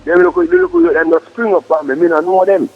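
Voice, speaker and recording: High-voiced Jamaican man on a three-way call. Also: very animated, brisk, vocal fry, breathy edge. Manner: emphatic, repetitive, slangy patois talk. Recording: muffled lo-fi phone call.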